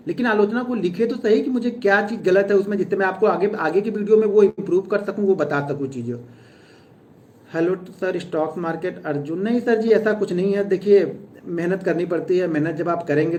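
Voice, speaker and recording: A man in his thirties from Uttar Pradesh, a stock trader chatting fast and earnestly with viewers on a live stream. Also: high voice, a little mellow, slight background noise. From Uttar Pradesh, India. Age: 30s.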